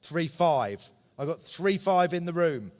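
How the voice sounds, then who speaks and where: A man works as a live auctioneer, his voice a little higher than average. He repeats numbers in short, brisk phrases and adds polite asides to the bidders. The sound carries a long reverb from a large indoor hall. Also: expressive. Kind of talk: live auction calling, running bid commentary.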